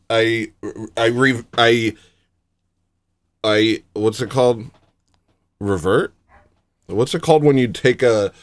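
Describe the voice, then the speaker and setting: A young man hosting a casual livestream from his home setup, rambling, sarcastic and self-deprecating. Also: on the low side. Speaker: livestream host.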